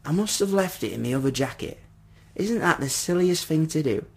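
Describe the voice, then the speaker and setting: A man voicing a polite, well-spoken little old gentleman in a storybook, pleading gently with old-fashioned, effusive courtesy. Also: fairly high pitch, expressive, a little fast, gravelly, slightly rough, voice pushed up, full character voice. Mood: flustered.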